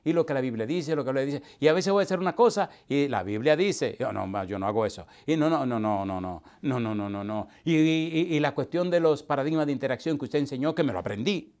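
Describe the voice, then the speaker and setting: A man preaching in a humorous storytelling style. He repeats words for rhythm, often chuckles, and drops to a hushed voice when he tells what someone said. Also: fairly high pitch, fast talker, hardly any pauses. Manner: animated, repetitive, drops to a hushed voice for quoted dialogue.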